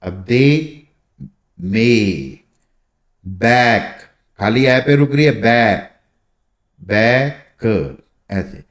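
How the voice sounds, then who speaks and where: A man teaching English vowel sounds in a slow, patient way, drawing out each example word. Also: medium pitch. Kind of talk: spoken lesson.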